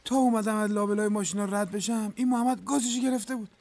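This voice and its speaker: A man's voice: high voice, fairly even intonation, a little mellow. An actor playing a meek, deferential male factory worker in a radio drama, who speaks hesitantly and apologizes to his boss. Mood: apologetic.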